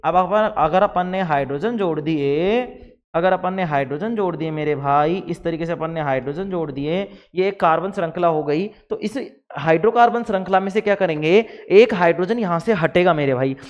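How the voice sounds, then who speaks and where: A high-voiced male teacher lectures his class fairly quickly, firing questions at the students, answering them himself and voicing imagined replies. The muffled recording carries a long reverb, as though made in a hall.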